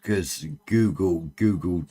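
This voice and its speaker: A man's voice: deep voice, slow pace, mellow, slightly rough. A man with a Cornish accent chatting casually on a late-night livestream, bantering and swearing freely. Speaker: live stream host.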